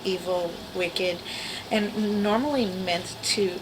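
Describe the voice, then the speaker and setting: A vlogger in her forties from the Bronx, New York, chats wryly and casually to her camera at home in a small, girlish voice of medium pitch. She speaks slowly, rambling and poking fun at herself. The camera mic picks up a noisy background.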